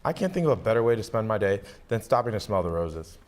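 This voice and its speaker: A man's voice: lowish voice, very animated, fast talker, a little mellow. A young man co-hosting a student local news feature, reading a friendly script with light quips. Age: young adult.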